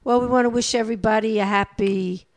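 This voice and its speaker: A woman's voice: a little high, steady tone, fast, a crowd in the background. An older woman with a New York accent, co-hosting a community radio show in easy, chatty conversation and laughing easily. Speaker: co-host. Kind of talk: casual radio chat.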